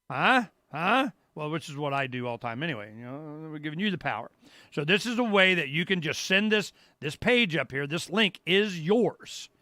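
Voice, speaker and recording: A middle-aged man hosting his own show, walking viewers through a website in a loose, rambling way and exclaiming "boom" often. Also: sharp tone, no echo, clean studio sound. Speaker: radio show host. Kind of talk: casual live-stream walkthrough. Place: home studio.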